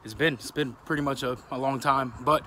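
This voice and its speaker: A man's voice: mid-range voice, fairly even intonation, brisk, sharp tone. A man hosting a car vlog, talking casually with lots of slang and swearing. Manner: casual, profane, laid-back slang. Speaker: vlogger, car channel host.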